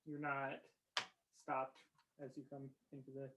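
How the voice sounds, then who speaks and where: A game master narrating a tabletop game, pausing often with ums and small laughs. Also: medium pitch, completely flat delivery, background noise. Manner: slow, halting, many ums and laughs.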